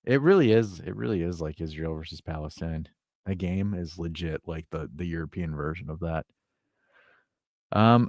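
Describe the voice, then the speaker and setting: Co-host: low-pitched man, profane and exasperated, dry close sound. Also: darkish tone, no room sound. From United States. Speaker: podcast co-host. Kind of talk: casual sports chat.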